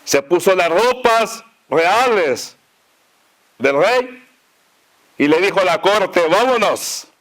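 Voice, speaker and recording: A pastor with a northern Mexican accent telling a story in a sermon, folksy and chuckling, with many fillers. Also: male voice, high-pitched, lively intonation, slow pace, long pauses, fairly bright tone.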